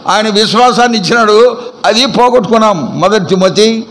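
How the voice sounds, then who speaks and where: A man's voice: sits high, brisk, a bit bright, poor audio. A male pastor preaching a sermon at a church service. He is emphatic and keeps quizzing the congregation with repeated questions.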